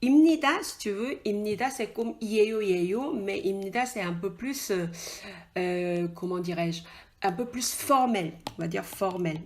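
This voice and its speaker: A woman's voice: mid-range voice, a little fast. A woman teaching a casual lesson at a board, chatty and informal, often checking whether the learner follows. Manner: chatty and informal, addresses the learner directly, frequent "tu vois?" and hesitations. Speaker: Korean language teacher. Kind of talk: casual spoken lesson, explaining at a whiteboard.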